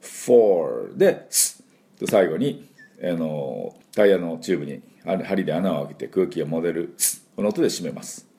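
A man's voice: low-pitched, lively intonation, normal speed, warm tone. A middle-aged man hosting an English pronunciation lesson, acting out sounds playfully and leading exaggerated repeat-after-me drills. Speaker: English pronunciation teacher and host.

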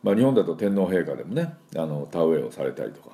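A very deep, creaky, yet mellow voice belongs to a middle-aged pronunciation teacher who hosts the lesson. He is very animated and fast, playfully acting out sounds and leading exaggerated repeat-after-me exercises.

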